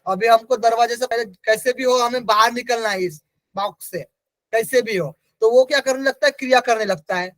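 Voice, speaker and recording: A man's voice: very high-pitched, fairly bright tone, no echo, rough recording. A man giving an exam-prep lecture. He asks the class questions, answers them himself and repeats key terms. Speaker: teacher.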